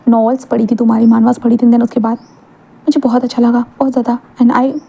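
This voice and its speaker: Woman voicing a reserved young male bodyguard, steady and earnest, husky high tone. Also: quick pace. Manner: steady, earnest, plain delivery.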